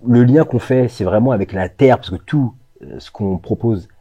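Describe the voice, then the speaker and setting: Soft-spoken, hesitant French-born man. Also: mid-range voice, moderate pace, breathy edge, no room sound, highs cut off. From France. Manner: thoughtful, hesitant, many fillers. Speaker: co-founder of a natural products brand. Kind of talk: interview answers.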